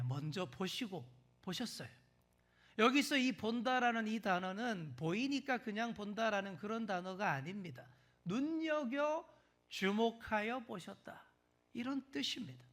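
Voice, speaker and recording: A man with a high voice preaches a sermon as senior pastor. He speaks straight to the congregation and asks them questions. He drops to a whisper one moment and stresses words loudly the next. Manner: expressive preaching, swings from loud stresses to hushed whispers.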